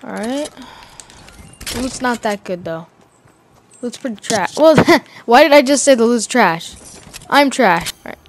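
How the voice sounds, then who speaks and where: A woman talking casually over her own gameplay, excitable and slangy, yelling and laughing at the game. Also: fairly high pitch, unhurried, long pauses, slight background noise. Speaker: gamer streaming gameplay.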